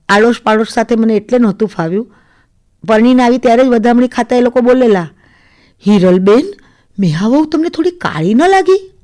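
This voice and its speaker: A woman reading a serialized short story in the first person, with intimate, expressive narration. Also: mid-range voice.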